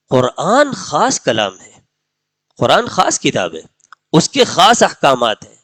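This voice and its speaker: Male lecturer, fairly high voice, patient explaining, chanted verses, dry close sound. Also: a bit bright, dry recording. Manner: explanatory, recites Quranic verses in slow melodic chant. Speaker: religious teacher. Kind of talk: Urdu religious lecture. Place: mosque lecture gathering.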